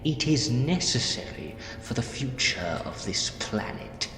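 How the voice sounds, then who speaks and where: A man's voice: mid-range voice, very animated, a little slow. Man as the Master, echoing menacing villain. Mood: persuasive, grandiose. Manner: grandiose, menacing, persuasive. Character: bitter, decayed villainous time-travelling mastermind. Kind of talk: fan audio drama acting. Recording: echoey hall, clear music behind.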